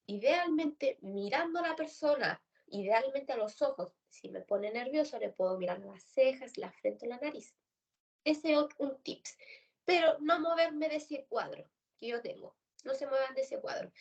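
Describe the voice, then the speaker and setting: A woman's voice: on the high side, a little mellow, recorded from a distance, highs cut off. A woman with a Chilean accent teaching a workshop on job interviews, explaining points and asking and answering her own questions. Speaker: career workshop instructor. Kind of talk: instructional talk.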